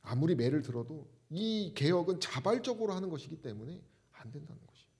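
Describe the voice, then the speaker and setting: Animated male pastor preaching. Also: fairly high pitch, fast. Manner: animated preaching with rhetorical questions. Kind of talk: sermon.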